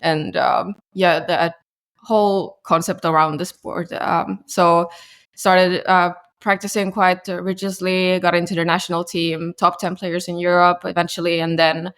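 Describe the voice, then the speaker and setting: Low, flat-voiced woman. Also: smooth. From Finland. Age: 20s. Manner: halting, many fillers and restarts. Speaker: guest, startup founder. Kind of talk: casual interview talk. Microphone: remote call.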